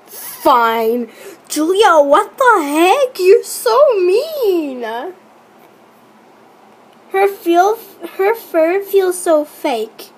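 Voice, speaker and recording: A young woman reacting to a texting game she reads aloud, with excitable, teasing and exasperated commentary. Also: very high voice, very slow. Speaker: YouTuber playing a chat-story app.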